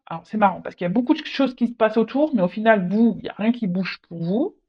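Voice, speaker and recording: A tarot reader talks through a casual reading, stumbling and repeating words as the thoughts come. The voice sits at a middle pitch, and the recording sounds dull and lo-fi. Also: expressive, husky. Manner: halting, repeats words, frequent "hein" tags.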